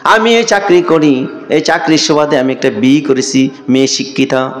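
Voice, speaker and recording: A preacher doing a grown son sobbing out his confession, voice up high, echoey. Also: fairly even intonation, normal speed, lightly acted. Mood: pleading. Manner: pleading, tearful storytelling. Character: grief-stricken grown son confessing sin. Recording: echoey sermon sound.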